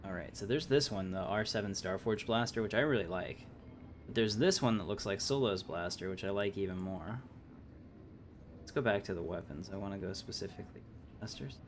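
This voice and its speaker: Speaking fairly quickly in a low-pitched voice, a livestreaming gamer muses casually about his moves, hesitating as he decides. Slight background noise can be heard.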